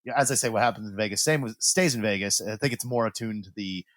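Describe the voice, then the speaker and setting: A man's voice: on the low side, fast, fairly bright tone, dry recording. A man hosting a podcast, talking in casual, rambling banter with plenty of swearing. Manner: rambling, informal. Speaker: podcast host.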